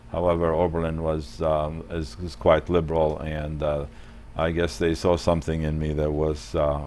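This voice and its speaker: A man in his sixties from Palestine, a guest in a studio interview, speaking in a measured way with many hesitations on a lapel mic. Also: extremely low pitch, a little mellow. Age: 60s.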